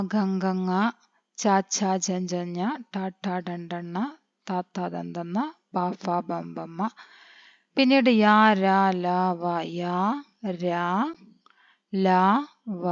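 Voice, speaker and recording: A woman, teaching a patient lesson and spelling letters out slowly, quizzing her pupils as she goes. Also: mid-range voice, no room sound. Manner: patient, asks the children questions and answers them. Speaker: Hindi teacher. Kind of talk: classroom-style lesson. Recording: dry, dull lo-fi recording.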